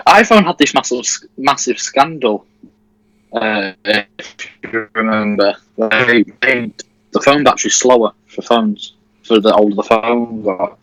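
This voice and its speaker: A man's voice: on the low side, unhurried, fairly bright tone, dry recording, poor audio. An eighteen-year-old man from Leeds, easygoing and jokey, co-hosting a casual football watchalong stream. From Leeds, England. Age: teens. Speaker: livestream co-host.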